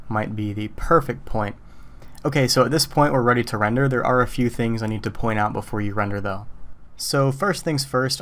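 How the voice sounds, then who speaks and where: Casual male tutorial host, voice a bit worn, talks while working, keys clacking behind. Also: medium pitch. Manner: casual, relaxed, talks through steps as he works. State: losing his voice. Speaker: software tutorial instructor. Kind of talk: screen-recorded tutorial walkthrough.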